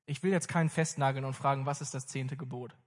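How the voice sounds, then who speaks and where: A man's voice: medium pitch, quick pace. Casual young preacher man in a reverberant hall. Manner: casual, lively, addresses congregation directly. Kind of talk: sermon.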